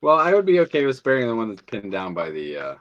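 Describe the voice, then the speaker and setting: A man playing a tabletop game, asking eager, quick questions in casual chat. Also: mid-range voice, huge pitch swings. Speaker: player. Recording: dull lo-fi mic.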